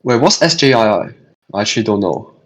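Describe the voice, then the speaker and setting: Husky-voiced young man tutoring online. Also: lowish voice, animated, fairly quick, rough recording. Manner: hesitant, repeats and restarts phrases, answers chat questions. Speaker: student tutor hosting a revision session.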